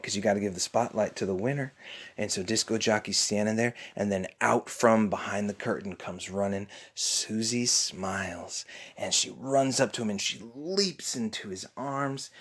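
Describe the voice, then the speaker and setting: A man telling his child an improvised bedtime story in a dark bedroom, chatty and relaxed with playful asides. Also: lowish voice. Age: adult.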